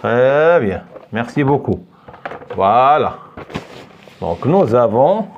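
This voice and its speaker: Slow, lively-voiced male teacher. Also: mid-range voice, highs cut off, a little hiss or hum. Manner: patient, repeats phrases slowly for students to echo. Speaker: French teacher. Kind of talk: classroom lesson with call-and-response drilling. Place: classroom.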